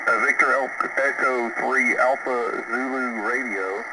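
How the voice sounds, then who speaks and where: A man's voice: mid-range voice, steady tone, a little slow, distant mic. Man calling on a noisy shortwave radio. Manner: easygoing, frequent "uh" fillers, spells call signs phonetically. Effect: voice heard over a shortwave radio receiver. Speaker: ham radio operator. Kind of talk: taking calls on an amateur radio frequency.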